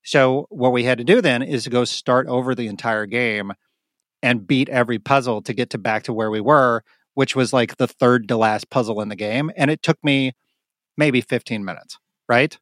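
Excitable man swearing in casual chat. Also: mid-range voice, moderate pace, no echo, studio quality. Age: adult, married. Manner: excitable, swears freely, laughs often. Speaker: podcast co-host.

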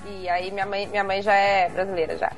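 A woman guest influencer in a casual interview, relaxed and self-deprecating, laughing often. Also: medium pitch, fairly quick, faint music behind.

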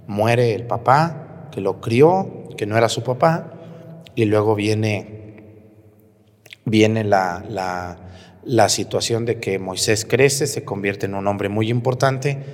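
A man's voice: fairly low pitch, slow pace. A priest giving a homily at Mass. He tells the story and asks the congregation questions, with playful jokes. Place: church. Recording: long church reverb.

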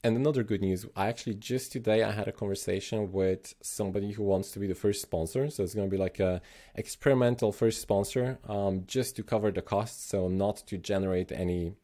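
A man's voice: lowish voice, a little fast, few pauses, mellow. A man from Slovenia talking casually on a podcast, thoughtful, often restarting his sentences. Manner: thoughtful, many restarts and self-corrections. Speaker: podcast host.

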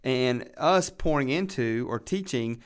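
A man's voice: mid-range voice, lively intonation, a little slow, clean tone. Earnest man, a pastor, repeating himself. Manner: earnest, repeats words while building points. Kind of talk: casual podcast conversation.

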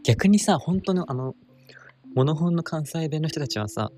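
Woman, podcast co-host; very low, animated voice; easygoing and teasing; clear music bed underneath. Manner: easygoing, teasing, quick to laugh. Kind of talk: casual chat.

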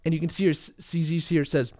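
A young man, a little hoarse and under the weather, confidently walking viewers through market charts in a casual commentary. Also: on the high side, flat delivery, a little fast, dark tone.

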